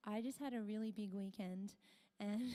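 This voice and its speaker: A woman with a slightly husky voice chatting casually on a livestream as a singer, thanking viewers and restarting her phrases, with reverb added to her voice. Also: mid-range voice, unhurried, warm tone. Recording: voice with long added reverb tail.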